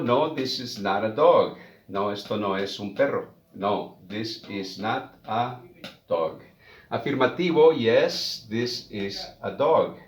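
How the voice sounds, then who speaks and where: Slow-spoken man teaching in an echoey room. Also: lowish voice. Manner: repeats example sentences slowly and deliberately. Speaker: English teacher. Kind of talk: slow classroom explanation.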